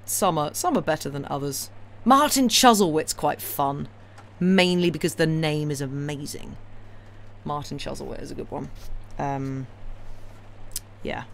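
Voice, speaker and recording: With a low, unhurried voice, a woman streams to a live audience, chatting loosely about the classic novels she reads aloud. She sounds wry, opinionated and enthusiastic, and a clear, steady background noise runs under the recording.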